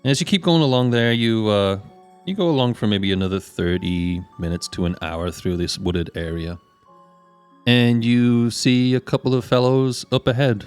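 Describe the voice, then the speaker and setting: A man's voice: mid-range voice, fairly even intonation, normal speed, clean tone, faint music behind. A man improvising tabletop game narration as game master, informal and meandering in his delivery.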